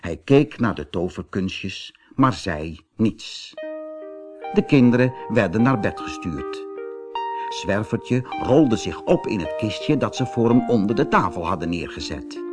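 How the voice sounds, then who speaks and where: A man narrating a children's fairy tale audiobook in a slow, expressive storytelling manner. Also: on the low side, music in the background.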